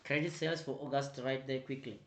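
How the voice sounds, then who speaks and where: Male tutor with a mid-range voice, running an online revision lecture; checks in constantly and pushes students to answer quickly. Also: medium pitch, fairly even intonation. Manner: repetitive, prompting with "right?" and "quickly"; grows louder and more emphatic when explaining. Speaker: accounting tutor.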